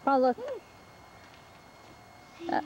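A woman filming a home video outdoors, cheerfully encouraging a child, heard through old camcorder audio. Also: drawn-out words. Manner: cheerful, encouraging, laughs often. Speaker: home video camera operator. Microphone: built-in camcorder mic. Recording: muffled old camcorder audio, faint hiss.

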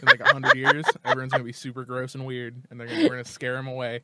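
A man's voice: medium pitch, fast, very noisy. A man co-hosting a podcast, making jokes in casual chat. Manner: wisecracking, joking. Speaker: podcast co-host.

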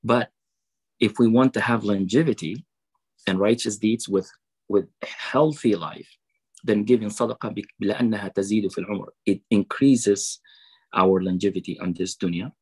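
A man giving a fundraising sermon over a video call. He quotes Arabic sayings, then translates and explains them slowly. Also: on the low side, steady tone, darkish tone, husky, poor audio. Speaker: preacher at a fundraiser.

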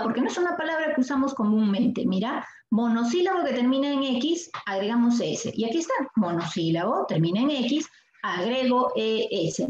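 A woman teacher with a Peruvian Spanish accent leads a language lesson, quizzing the students and stretching key words out slowly. Her voice sits a little high. It is recorded in an echoey room with a dull tone and faint noise behind it. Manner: questioning, repeats words slowly to drill the class.

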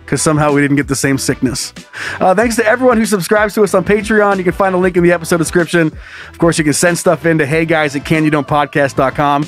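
A man's voice: on the high side, fast, faint music behind. A middle-aged man who is sick, bantering casually as a podcast host through a face mask that slightly muffles him. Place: small indoor podcast studio. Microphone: podcast microphone on boom arm.

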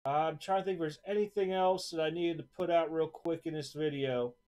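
A man's voice: fairly high pitch, steady tone, fairly quick, darkish tone. Easygoing man showing trading cards. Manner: easygoing, rambling, repeats words. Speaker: sports card seller hosting an auction preview. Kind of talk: casual card showcase narration. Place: home card room, indoors.

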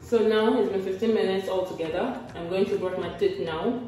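A woman's voice: medium pitch, brisk, mellow. A woman vlogger casually explaining a home teeth-whitening routine while her mouth is full of charcoal paste. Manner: chatty, self-correcting, talking while demonstrating. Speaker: beauty vlogger. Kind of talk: casual how-to vlog. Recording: echoey room, voice from a distance, faint music.

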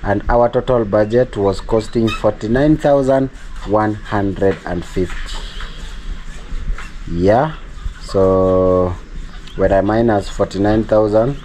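A man's voice: lowish voice, a little hiss or hum. Chatty Kenyan man vlogging. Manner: chatty, repeats words, thanks donors warmly. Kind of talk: casual vlog talk.

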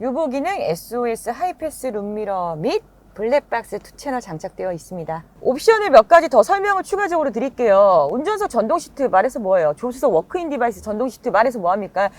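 A woman presenting a used car in a slick, polished sales pitch, full of rhetorical questions like a practiced dealer. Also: sing-song, fast.

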